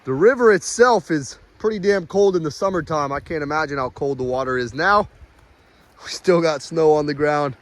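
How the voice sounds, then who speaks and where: A man's voice: fairly high pitch, normal speed. A man narrating his vlog casually, with informal, colloquial phrasing. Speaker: vlogger. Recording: faint ambient vehicle noise. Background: faint ambience, vehicle sounds.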